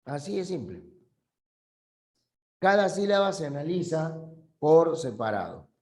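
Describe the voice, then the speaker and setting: Male teacher, measured classroom delivery, higher than average voice, patient and repetitive. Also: big pitch swings, darkish tone, echoey room. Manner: patient, repeats key terms, checks understanding. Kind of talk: classroom language lesson.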